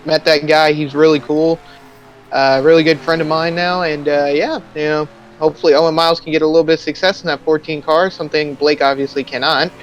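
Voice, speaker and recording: A man giving color commentary on a simulated stock car race, rambling and excitable, often laughing at his own jokes. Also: fairly high pitch, brisk, highs cut off, a little hiss or hum. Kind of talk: sim racing commentary.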